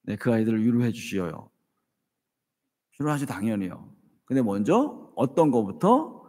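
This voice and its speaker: A man in his fifties preaching a sermon, telling a family story in a lively way and acting out the voices in it. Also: mid-range voice, normal speed. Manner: storytelling, animated, acts out dialogue. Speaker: pastor. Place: church sanctuary. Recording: reverberant church hall.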